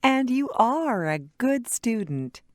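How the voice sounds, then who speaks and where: A woman voicing a friendly English teacher addressing her class in a scripted textbook recording, speaking clearly and deliberately. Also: a little high, sing-song, no echo, studio quality, exaggerated voice. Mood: warm.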